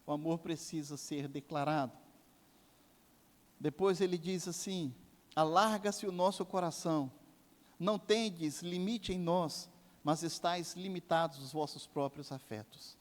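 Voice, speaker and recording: A man's voice: fairly high pitch, unhurried. An older man with a Brazilian Portuguese accent, preaching a sermon as pastor, with impassioned rises and drops. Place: church sanctuary. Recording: long church hall reverb.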